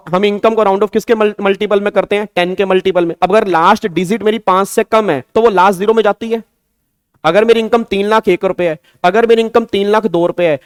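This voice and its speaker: A man's voice: high-pitched, clean tone, dry recording. A man with an Indian accent giving an online exam-prep tax lecture, coaxing students and repeating his questions, mixing Hindi with English terms. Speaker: tax teacher.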